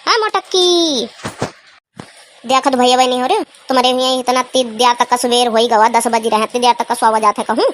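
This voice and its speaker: Woman voicing an old village granny, scolding, nagging, cartoon comedy, high voice. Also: completely flat delivery, fast talker, hardly any pauses, slight background noise, close to an everyday voice.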